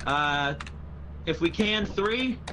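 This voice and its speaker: A man with a fairly high voice chats through a co-op game session, calling out dangers in quick excited bursts and swearing freely. The mic picks up a steady hiss of background noise. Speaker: gamer. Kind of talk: casual co-op game chat.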